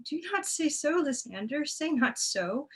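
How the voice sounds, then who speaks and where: A woman's voice: sits high, big pitch swings, measured pace, a bit bright, exaggerated voice. A woman reading the part of a forlorn, lovesick young woman in an amateur Shakespeare read-through, pleading and self-mocking.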